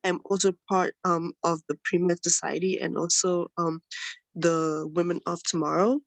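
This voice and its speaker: A woman's voice: fairly low pitch, flat delivery, normal speed, gravelly, no room sound. Young woman, student, lots of ums, dry close sound. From Nigeria. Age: early 20s. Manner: hesitant, many fillers. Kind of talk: self-introduction. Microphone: video call.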